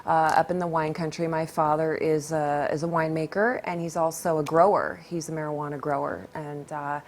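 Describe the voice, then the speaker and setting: Woman guest from the US, chatty, laughs easily; low voice, faint hiss. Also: level tone, brisk. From United States. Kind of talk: casual interview.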